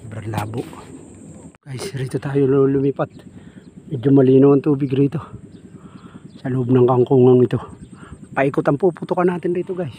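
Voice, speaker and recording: A Filipino man vlogging while hunting fish alone from a boat, murmuring quietly as he stalks and speaking up when he moves spots. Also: medium pitch, normal speed, long pauses. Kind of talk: casual vlog commentary. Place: outdoors on a boat on a weedy lake. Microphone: action camera. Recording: outdoor ambience noise, wind.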